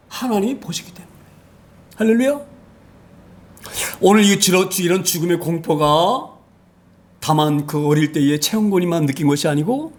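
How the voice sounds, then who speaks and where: High-voiced emphatic male preacher. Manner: emphatic, rhetorical questions, frequent hallelujahs, wide swings in loudness. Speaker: pastor. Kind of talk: sermon.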